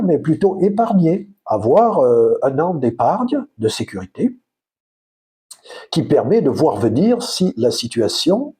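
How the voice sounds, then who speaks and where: A channel host in his fifties from southern France speaks with a Provençal accent in a casual vlog monologue. His medium-pitched voice is warm, and he rambles reflectively with frequent hesitations.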